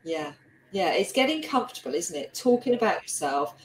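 A woman's voice: medium pitch, sing-song, brisk. A woman with a slight South London twang, hosting a casual interview in a chatty, laughter-prone way. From lived a long time in South London. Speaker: interview host. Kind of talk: casual video-call interview. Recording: roomy echo, faint background noise.

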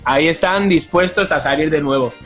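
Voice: mid-range voice, fairly quick, over music. A podcast co-host chatting enthusiastically. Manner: enthusiastic, laughing. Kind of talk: casual podcast chat.

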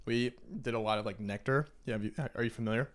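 A man's voice: on the low side, quick pace. Young man telling stories, full of "like". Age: young adult. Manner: animated storyteller, lots of "like" fillers. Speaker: podcast co-host, college resident assistant. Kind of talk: casual chat.

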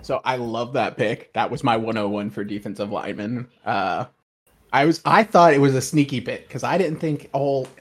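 A man co-hosting a podcast, teasing and animated in casual chat. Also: medium pitch, moderate pace. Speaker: podcast co-host.

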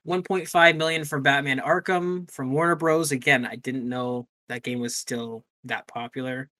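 A man's voice: mid-range voice, fairly even intonation, moderate pace, pushed and bright. A man co-hosting a casual gaming news podcast, talking loosely, swearing offhandedly and often restarting his sentences. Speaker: podcast co-host.

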